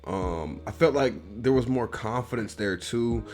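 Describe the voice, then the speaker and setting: A man's voice: medium pitch, measured pace, darkish tone, faint music behind. A man from the US Midwest with a Midwestern accent, hosting his own show and giving a loose, rambling, profane album review. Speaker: host.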